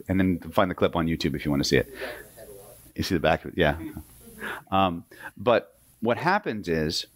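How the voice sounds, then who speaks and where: Low-voiced guy from oklahoma teaching a hypnosis seminar, punchy, keeps going "right?", dry close sound. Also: no echo. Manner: emphatic, peppered with rhetorical "right?". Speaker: hypnosis instructor. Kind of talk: seminar lecture to a live audience.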